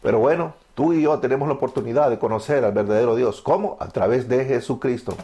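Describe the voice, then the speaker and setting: A Salvadoran man in his thirties, speaking with a Salvadoran Spanish accent, fervently preaches his evangelical testimony and answers his own questions. His mid-range voice has a warm tone, and he talks fast.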